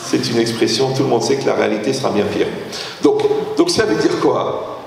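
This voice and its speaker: A middle-aged man lectures as a rabbi, animated and jokey, often acting out little dialogues and asking the room whether they follow. His voice sits in a middle register. It is caught from a distance, with long echo ringing through the hall. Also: medium pitch, a little fast, vocal fry, background noise. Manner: animated, jokey, acts out quoted exchanges; often checks in with the audience. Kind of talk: lively religious lecture with humor. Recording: echoey hall, heard from far off.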